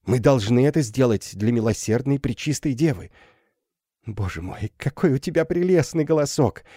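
A man's voice: fairly high pitch, expressive, measured pace, dark tone, dry recording, clean studio sound, voice pushed up. A man voicing a half-mad older woman, a recluse mother, who talks wildly and tearfully in an audiobook. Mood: ecstatic. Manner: wild, tearful, swinging between joy and terror. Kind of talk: audiobook character voice.

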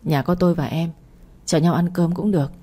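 A gruff, curt grown man from a romance storybook, as a woman reader voices him. Lowish, dark-toned and husky, with clipped, blunt replies. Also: fairly even intonation, brisk. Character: gruff older man, curt but caring.

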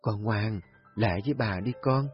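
A man voicing a gentle young mother who speaks softly and earnestly. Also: fairly low pitch, normal speed, faint music behind, natural voice. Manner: soft, earnest pleading. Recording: dull lo-fi recording.

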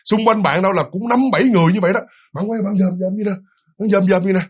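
A man casually retelling a ghost story, animated and full of fillers and repeats, acting out the voices he quotes. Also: high voice, racing, slightly rough.

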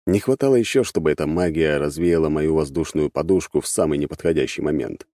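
Deep, mellow male storyteller, measured and wry, dry booth sound. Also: dry recording. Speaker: audiobook narrator. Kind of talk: scripted first-person fantasy narration. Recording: dry close studio sound.

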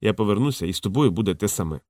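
A man voicing a calm, stocky male fighter who makes a flat, quiet threat, in an audiobook. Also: on the low side, very fast, no room sound, studio quality, lightly acted. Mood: grim.

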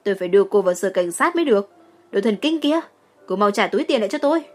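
A woman voicing a furious mother in her thirties who scolds loudly and shrilly, in an audiobook. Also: fairly high pitch, expressive, normal speed, slightly rough.

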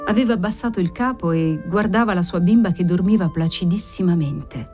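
A woman reading a classic novel aloud as narrator, in a measured and expressive way. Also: on the low side, over music. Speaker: audiobook narrator. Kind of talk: literary narration read aloud.

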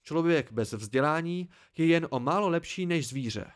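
A man's voice: a little high, lively intonation, natural voice. A man reading an audiobook, voicing a scornful learned male arcanist who lectures with disgust.

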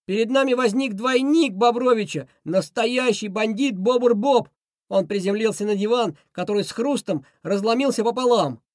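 A woman narrating a children's adventure audiobook in a lively, expressive way. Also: fairly high pitch, normal speed, dry recording, clean studio sound. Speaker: audiobook reader. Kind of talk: scripted storybook narration.

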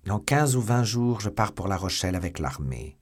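A man reading an audiobook, voicing a stern, sardonic English baron in a measured tone. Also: on the low side, big pitch swings. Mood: mocking. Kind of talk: audiobook character voice.

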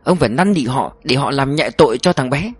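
A man voicing a sharp-tongued, defiant wealthy older woman who argues with scorn. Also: mid-range voice, expressive, a little fast, breathy edge, dry recording, soft background music. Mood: scornful. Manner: scornful, cutting, insistent.

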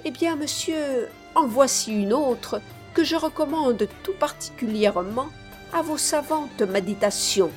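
A woman's voice: high voice, expressive, unhurried, soft background music. A woman voicing a wry, courteous young man who speaks with polite irony in a storybook reading. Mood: ironic. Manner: ironic, polite.

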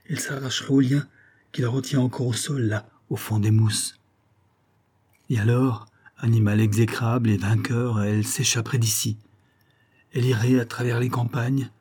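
Guy doing an obsessed botanist, feverish and proud, dark husky voice that swells into cries, audiobook style. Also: medium pitch, lightly acted. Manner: exalted, declamatory, rising to cries. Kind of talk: dramatic audiobook reading.

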